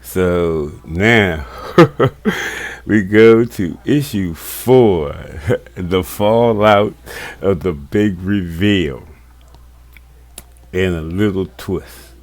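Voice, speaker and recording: A man's voice: low-pitched, drawn-out words, long pauses. A man in his sixties hosting a casual comic book review, rambling with many fillers and chuckles. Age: 60s. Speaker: host.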